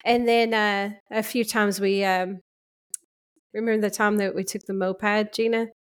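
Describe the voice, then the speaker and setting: A woman from Eastern Kentucky with an Appalachian accent, reminiscing casually in a halting, hesitant way. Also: medium pitch, flat delivery, clear, resonant tone. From Eastern Kentucky, United States.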